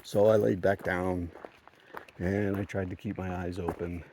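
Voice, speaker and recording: A man's voice: low voice, flat delivery, a little slow, darkish tone, a little hiss or hum. A man casually telling a story on a hiking vlog, rambling and chuckling, with frequent restarts, outdoors on a mountain trail. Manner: rambling, chuckling, self-correcting. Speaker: thru-hiker vlogger.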